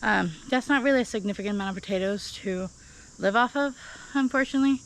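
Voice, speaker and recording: A gardening vlogger from South Dakota gives a candid, rambling update on her vegetable garden outdoors, talking fast in a medium-pitched voice. She's out of breath and uses many fillers. The audio is poor, with a bit of hiss or hum.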